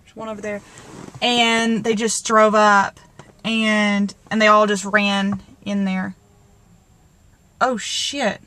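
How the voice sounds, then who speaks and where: A woman's voice: mid-range voice, level tone, slow pace, pushed and bright. A young woman, talking into a handheld camcorder in her parked car, rambling with many fillers and restarts, shaken and nervous. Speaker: vlogger. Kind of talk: casual vlog in a parked car.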